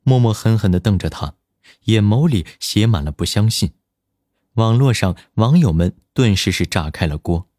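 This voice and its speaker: Brief: male audiobook narrator, low, steady, dry close mic. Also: moderate pace, no room sound.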